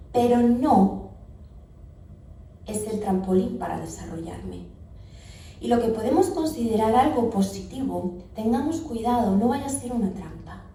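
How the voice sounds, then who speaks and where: A woman with a Spanish accent delivers an emphatic sermon, her voice mellow and warm, and she puts pointed questions to the congregation. She is heard from some distance in a very echoey church hall. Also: fairly high pitch. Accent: Spanish (Spain). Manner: emphatic, rising on key words, asks the congregation questions. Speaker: preacher. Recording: echoey church hall, speaker far from mic.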